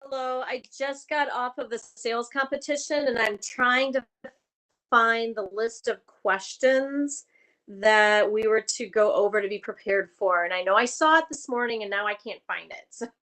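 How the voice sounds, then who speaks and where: A woman joining a panel over a video call, talking in a chatty, friendly way. Her voice sits a little above average in pitch. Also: normal speed, fairly bright tone. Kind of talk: casual video-call chat. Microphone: computer mic on a video call.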